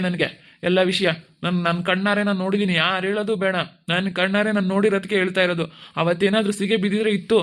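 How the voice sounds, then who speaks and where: A man playing an angry middle-aged village father who scolds rapidly, speaking in an amateur family skit. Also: high voice, lightly acted. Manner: scolding, threatening, rapid outbursts.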